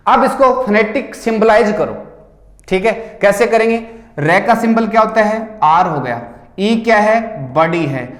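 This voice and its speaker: A man with a fairly high voice talks through a test paper as a teacher, with a Rajasthani accent. He explains step by step, putting questions to the class and answering them himself. His voice rings in a roomy, echoing space. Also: lively intonation, measured pace, fairly bright tone. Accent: Rajasthani Hindi. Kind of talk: exam paper solution lesson. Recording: echoey room.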